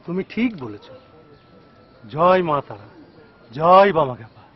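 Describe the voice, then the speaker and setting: A man's voice: a little high, expressive, unhurried, husky. An actor playing an anxious village husband who eagerly pleads with a holy man for his child. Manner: pleading and eager, calling "baba" often. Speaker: village devotee, expectant father. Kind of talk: devotional film acting. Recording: dull lo-fi film soundtrack with faint noise.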